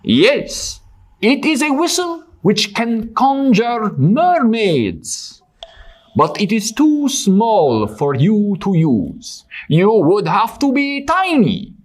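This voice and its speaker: A man's voice: sits high, wildly swooping pitch, slow pace, heavily acted. A man voicing a self-important sailor adventurer in a theatrical puppet show, grandly speaking of himself in the third person. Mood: grandiose. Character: dramatic adult male sailor adventurer puppet, self-important, prone to despair.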